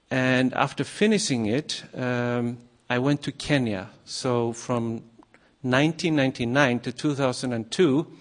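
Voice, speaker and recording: Preaching as a guest before a congregation, this Icelandic man, once a missionary, sounds nervous, filling his halting sermon with pauses and filler words. He speaks in a mid-range voice.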